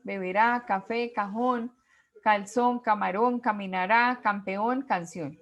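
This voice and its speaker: A woman teaching a class over a video call, her voice sitting a little high. She talks slowly and deliberately, reading lists of example words one at a time and pausing to ask the class questions. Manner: slow, deliberate, reads out word lists. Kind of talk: online class lecture.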